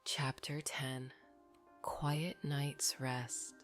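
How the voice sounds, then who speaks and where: A woman reading scripted sleep stories in a soft, breathy, half-whispered voice, soothing and gently guiding the listener toward rest. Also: a bass voice, flat delivery, extremely slow. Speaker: sleep story narrator. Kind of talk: scripted bedtime sleep story narration. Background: background music.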